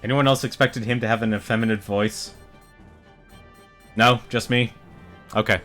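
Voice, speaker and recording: A man's voice: on the low side, fairly even intonation, moderate pace, fairly bright tone, faint music behind. A man giving casual, joking let's play commentary on a video game. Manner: joking, chatty.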